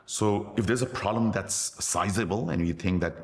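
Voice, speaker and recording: A man from Nepal, an orthopedic doctor, chatting in an interview, chatty and often checking "right?". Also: moderate pace. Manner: chatty, uses "right?" and "boom". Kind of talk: casual interview talk.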